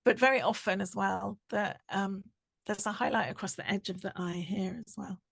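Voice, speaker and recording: A woman, explaining a drawing tutorial step by step while she works, her voice going hoarse. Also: medium pitch, fairly even intonation, moderate pace, dry recording, studio quality. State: losing her voice. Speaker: art tutor.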